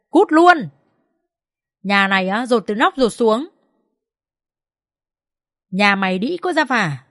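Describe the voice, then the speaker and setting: A woman's voice: fairly high pitch, no room sound, clean studio sound, voice pushed up, lightly acted. A woman voicing a furious, abusive older mother-in-law who shrieks insults.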